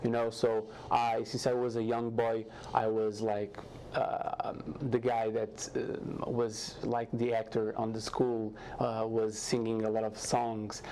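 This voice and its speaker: Guest spot: young Portuguese-accented man, halting, earnest, flat even delivery. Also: lowish voice, slight background noise. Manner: halting, many restarts and fillers, earnest. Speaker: guest, startup founder. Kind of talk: TV studio interview.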